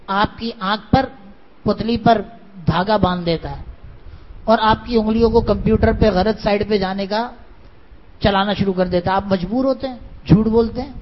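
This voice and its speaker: A man giving a sermon to students, pressing them with rhetorical questions, quoting his spiritual guide, and raising his voice at times for emphasis. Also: high-pitched. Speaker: religious teacher addressing students. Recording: dull lo-fi recording with faint background hiss.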